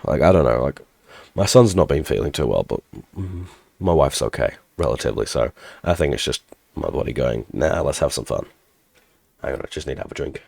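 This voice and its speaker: Stuffed-up guy, super deep gravelly voice, rambling through his tech channel update, dry close mic. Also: lively intonation, brisk, a little mellow, dry recording. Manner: rambling, self-deprecating, restarts mid-sentence. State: congested, stuffed up from a cold. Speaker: tech tutorial channel host. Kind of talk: casual channel update with screen walkthrough.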